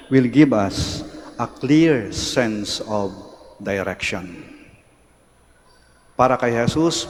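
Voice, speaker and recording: Filipino priest guy talking slow and solemn in church, big cathedral echo, bit of noise. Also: mid-range voice, a little mellow. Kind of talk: solemn Gospel reading and homily. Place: large reverberant church. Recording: cathedral-like echo, long reverb, background noise.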